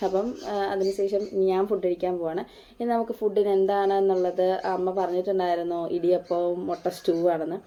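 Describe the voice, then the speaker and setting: A young woman from Kerala, hoarse from a lingering cough, chatting casually to viewers at home in a vlog, with plenty of fillers. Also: lowish voice, little pitch movement, fairly quick, dark tone, highs cut off. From Kerala, India. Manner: chatty, with many "appam" and "aa" fillers, addressing viewers as guys. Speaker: vlogger. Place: at home, indoors and in the yard.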